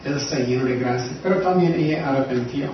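A man leading a Bible study in a conversational way, often putting questions to his listeners and swinging between loud and soft. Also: mid-range voice, a little fast, slight background noise. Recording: very echoey, distant, dull room recording.

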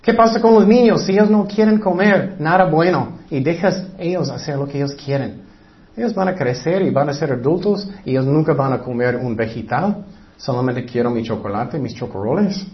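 A man's voice: on the high side, moderate pace. A man preaching a sermon as pastor, emphatic and repetitive, sometimes acting out short voices. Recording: dull lo-fi recording.

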